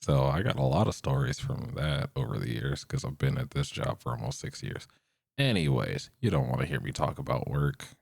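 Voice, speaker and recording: A young man talks on his solo podcast in a flat monotone, drifting from thought to thought with plenty of ums and restarts. His voice sits extremely low and gravelly, and he speaks slowly. The recording is dry and close. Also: no room sound. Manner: monotone, rambling with fillers. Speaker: podcast host. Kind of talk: unscripted solo podcast rambling.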